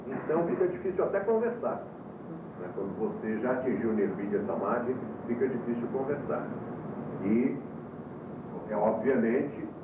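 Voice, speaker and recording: Man lecturing on an old VHS tape. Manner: explains calmly, pitch jumps up for emphasis. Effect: old VHS tape recording. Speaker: yoga teacher. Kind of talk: lecture to students. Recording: tinny, roomy, distant, hissy old VHS tape.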